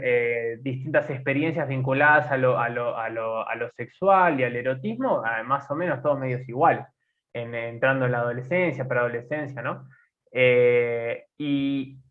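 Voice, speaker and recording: A man in his twenties with an Argentine accent, co-hosting a casual podcast and talking haltingly with many fillers and restarts. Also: medium pitch. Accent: Argentine Spanish. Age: 20s. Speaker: podcast co-host. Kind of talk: casual conversation. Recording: tinny phone-like sound.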